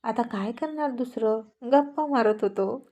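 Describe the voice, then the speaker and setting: A woman's voice: on the high side, measured pace, warm tone, close to an everyday voice. A woman voicing an easygoing young man who jokes with his family in a storybook tale. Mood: joking.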